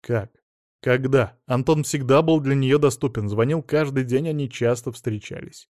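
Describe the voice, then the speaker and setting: Man, audiobook narration, measured delivery, mid-pitched voice, dry close recording. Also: darkish tone, dry recording. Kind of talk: scripted narration.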